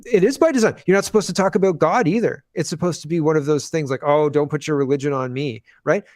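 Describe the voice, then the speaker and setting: This man in his forties talks politics in a loose, rambling podcast style. His voice sits a little high, and it comes across dry and close with no room sound. He likes to drop into sarcastic mimicry of the people he is criticizing. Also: quick pace, a little mellow, no room sound. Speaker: podcast co-host. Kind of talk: casual political chat.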